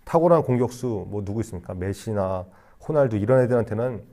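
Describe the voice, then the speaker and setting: A man's voice: on the low side, animated, quick pace, warm tone. A man preaching a sermon to a youth group in a conversational style, asking rhetorical questions and acting out short voices. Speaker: youth pastor. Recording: re-recorded sermon broadcast.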